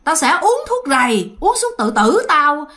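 Woman putting on a screeching, threatening Southern mother, high and swooping, storytelling channel. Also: very animated, moderate pace, sharp tone. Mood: shrill threatening. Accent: Southern Vietnamese. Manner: shrill, wailing, threatening. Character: desperate middle-aged mother shrieking threats.

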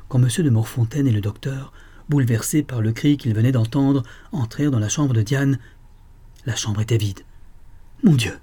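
Husky, mellow male storyteller. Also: medium pitch. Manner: measured, dramatic storytelling. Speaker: audiobook narrator. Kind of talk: scripted literary narration.

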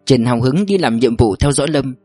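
Male audiobook narrator, measured, dry close sound, faint music. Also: mid-range voice, no room sound. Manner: steady, measured reading.

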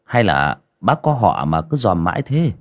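A man's voice: sits low, big pitch swings, a little slow. A man voicing a curious, placid village bystander who asks questions plainly in an audio story. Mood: mild.

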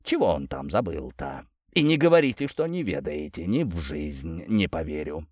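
A man voicing a scheming, greedy old prince in a low, hushed drawl. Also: very animated, moderate pace, no echo, studio quality, exaggerated voice. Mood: prying.

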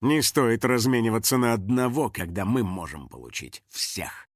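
A man voicing a smug scheming male hunter in a storybook reading, slow and mocking. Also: lowish voice, lively intonation, dry recording, studio quality, voice pushed down. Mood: cold.

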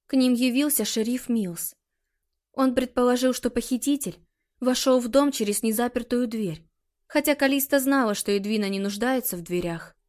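A woman reading an audiobook in a measured, expressive way. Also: on the high side. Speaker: audiobook narrator. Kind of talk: scripted audiobook narration.

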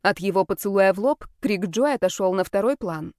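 A woman reading a first-person audiobook with an even, expressive delivery. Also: medium pitch, fairly quick, dry recording, studio quality. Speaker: audiobook narrator.

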